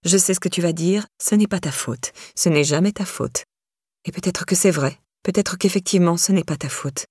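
A stern laundry boss at the end of her patience, as a woman reads her, curt and scolding. The voice sits close and dry, with a slightly breathy edge. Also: fairly low pitch, normal speed, darkish tone, no echo. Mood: exasperated.

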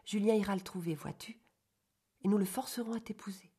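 A man reading an audiobook, voicing a gentle, patient young mistress of the house who speaks softly and coaxingly. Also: high-pitched, a little fast, voice pushed up. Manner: soft, coaxing, conciliatory. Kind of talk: audiobook character voice.

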